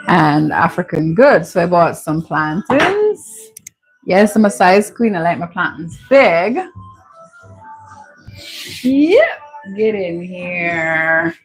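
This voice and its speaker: Speaking in a lowish voice on a low-quality recording, this middle-aged woman with a Jamaican accent runs a cooking vlog from her home kitchen. Her commentary is chatty, candid, and playful.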